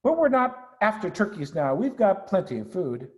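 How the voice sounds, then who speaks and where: Man voicing a sly fox dad, slightly raised voice, hushed and confident, storybook. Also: high voice, very animated, normal speed, voice pushed up.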